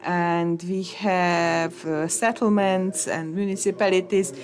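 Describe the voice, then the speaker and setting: A woman interpreting conference talks into English, halting, with many hesitations and restarts. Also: on the low side, fairly even intonation, darkish tone.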